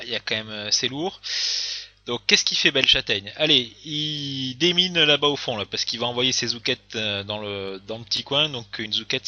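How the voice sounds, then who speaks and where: A man's voice: mid-range voice, sharp tone, muffled recording. A man casually commenting on game replays, hesitant, with many fillers and restarts.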